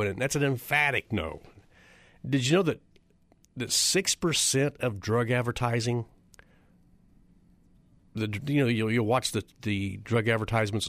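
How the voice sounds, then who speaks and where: A man's voice: lowish voice, a bit bright, no echo. Emphatic man giving a talk. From United States. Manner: emphatic, repeats figures for effect; rhetorical questions to the audience. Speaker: chiropractor. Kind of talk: public talk.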